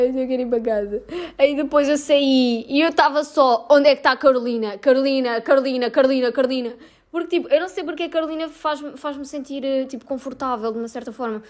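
Young woman, European Portuguese accent, high-pitched voice, casual vlog storytelling, animated, acts out quotes, laughs a lot. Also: quick pace. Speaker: vlogger.

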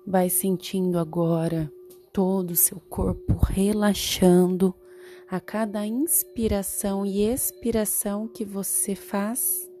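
A woman guiding a breathing meditation, speaking slowly and soothingly, sometimes dropping to a whisper. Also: mid-range voice. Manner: slow, soothing, drawn-out phrasing with soft whispered words. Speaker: meditation guide.

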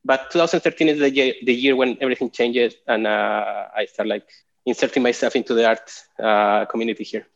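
A man in his forties from Chile, a guest artist talking casually in an interview over a video call, halting with many fillers and restarts. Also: mid-range voice, fairly even intonation, gravelly. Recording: dull lo-fi call audio.

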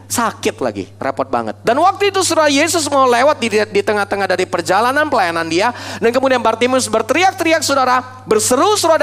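A man preaching a sermon with animated delivery. He keeps turning to the congregation with rhetorical questions. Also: very high-pitched.

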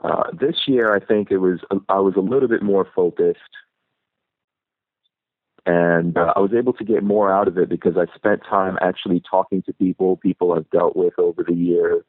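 A low-pitched male voice with fairly even intonation comes through a tinny phone line, dry and at a normal pace. He's a YouTuber guest who grew up in New York City, relaxed and reflective in a casual interview, rambling with frequent restarts.

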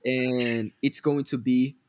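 A man's voice: medium pitch, little pitch movement, slow, a little hiss or hum. A man co-hosting a podcast, chatting casually and thoughtfully. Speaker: podcast co-host. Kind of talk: casual chat.

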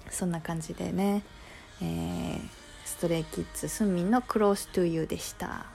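Chatty Kansai-accented woman, unhurried. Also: lowish voice, fairly even intonation, gravelly, mellow, soft background music. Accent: Kansai Japanese. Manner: chatty and playful, musing aloud and counting to test intonation. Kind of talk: casual solo talk, mixing English and Japanese.

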